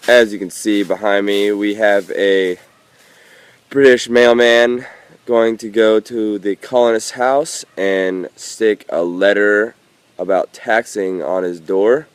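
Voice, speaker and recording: A man's voice: on the low side, steady tone, takes it slowly, clear, resonant tone. Rambling teen boy playing a reporter. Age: teens. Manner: hesitant and rambling, with fillers. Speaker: field reporter in a school video project. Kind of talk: amateur mock news report.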